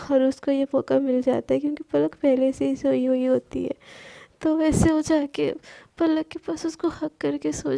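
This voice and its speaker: A woman narrating a romantic story in a soft, intimate voice that sometimes drops almost to a whisper, close to the mic. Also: high-pitched, gravelly, no echo.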